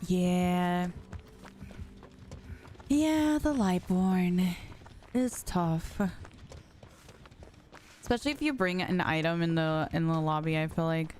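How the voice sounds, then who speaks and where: A woman in her late twenties live-streaming a game, chatting casually with her viewers, answering chat and laughing easily. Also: fairly low pitch. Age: late 20s. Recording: music playing under the voice. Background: background music.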